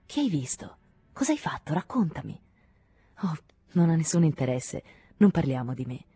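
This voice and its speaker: A woman's voice: deep voice, sing-song, moderate pace, mellow, breathy edge, no echo, faint music behind, full character voice. A woman voicing an anxious, clinging woman who talks to her lover in an earnest, pleading way in an audiobook reading.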